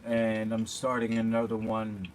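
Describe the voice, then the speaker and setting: A man speaking in a casual livestream monologue as a health coach, haltingly searching for words. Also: on the low side, monotone. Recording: noticeable background noise.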